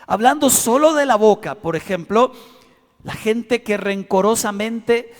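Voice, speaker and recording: Male pastor, high-pitched, theatrical delivery, church hall reverb. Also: measured pace. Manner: dramatic, acts out shouts and quotes. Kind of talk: sermon with personal story.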